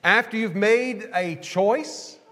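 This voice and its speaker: A man preaching a sermon as pastor, telling a folksy story and posing questions with drawn-out pauses. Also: sits high, fairly bright tone. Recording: long reverb of a church sanctuary.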